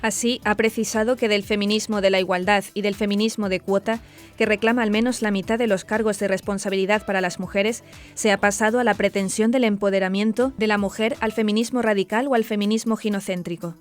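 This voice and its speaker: Over distinct background music, a female news presenter reads in a formal, measured style, her medium-pitched voice keeping a fairly even intonation.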